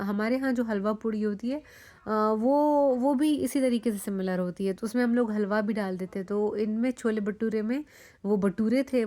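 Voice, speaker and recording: A young woman from Pakistan narrating a casual vlog, chatty and animated, with many fillers as she tells the story. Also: medium pitch. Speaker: vlogger.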